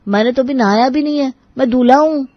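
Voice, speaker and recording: A woman's voice: high voice, quick pace, no room sound, dull audio, natural voice. A woman voicing a whiny young groom in a cartoon story. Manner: whining.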